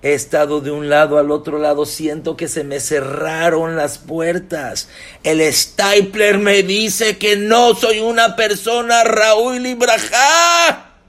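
A man's voice: on the low side, little pitch movement, drawn-out words, gravelly, long pauses, mellow, full character voice. A man voicing a desperate young man who begs for forgiveness in a tearful, pleading way. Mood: begging.

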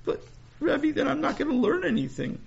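Whiny, anxious schoolboy, put on by a male storyteller; high pleading voice, swinging pitch, muffled lo-fi audio. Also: very animated, brisk, gravelly, heavily acted. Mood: whining. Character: anxious fretful young schoolboy pupil. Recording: dull lo-fi recording.

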